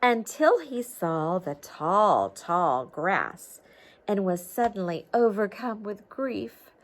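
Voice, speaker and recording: This woman reads a picture book aloud to children in a slow, sing-song voice of medium pitch. She is expressive and chatty, adding simple, encouraging explanations and asking questions to check the young listeners are following.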